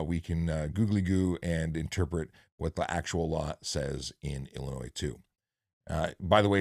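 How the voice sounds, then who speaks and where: A man's voice: sits low, a little mellow, no room sound, studio quality. A man, a former traffic cop hosting a casual live question-and-answer stream, chatty and jokey. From Canada. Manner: chatty, jokey, filler-heavy. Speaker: livestream host, former traffic police officer.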